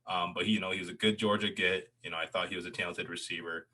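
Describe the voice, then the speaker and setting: Deep voiced guy co-hosting a football pod, lots of "you know", kinda bright sharp tone. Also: steady tone, fast. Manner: chatty, leans on "you know" fillers. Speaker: co-host. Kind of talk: casual sports podcast chat.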